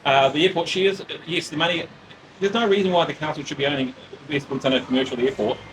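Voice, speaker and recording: Fast-talking New Zealand man in his fifties. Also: fairly high pitch, background noise. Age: 50s. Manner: brisk, blunt, frequent restarts. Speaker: guest. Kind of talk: casual interview chat.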